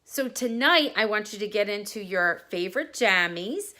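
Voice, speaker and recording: A woman hosting a bedtime storytime for kids chats warmly and simply with her young audience and reads a story aloud. Her mid-range voice has lively intonation and a moderate pace, though the recording is very noisy.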